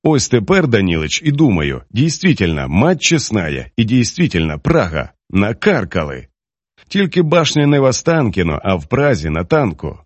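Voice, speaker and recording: A man's voice: on the low side, big pitch swings, normal speed, dry recording. A male narrator voicing a sly Soviet man telling a mocking anecdote in an audiobook. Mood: ironic.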